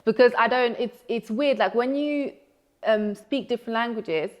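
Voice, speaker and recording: A woman's voice: on the high side, moderate pace. A young woman who grew up in the Netherlands, talking casually as an interview guest and filling her sentences with "like". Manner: chatty, frequent "like" fillers.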